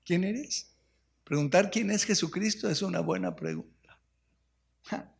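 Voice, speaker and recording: A man's voice: high voice, wildly swooping pitch, normal speed, vocal fry. A man preaching a sermon in a church, emphatic and full of rhetorical questions. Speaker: pastor. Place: church sanctuary.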